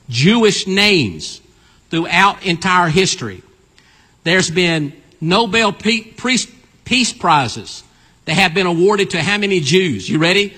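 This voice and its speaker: In a reverberant church sanctuary, a sixty-something pastor delivers a call-and-response sermon, pressing the congregation to answer back. His voice is husky with a bright edge, sitting slightly high for a man.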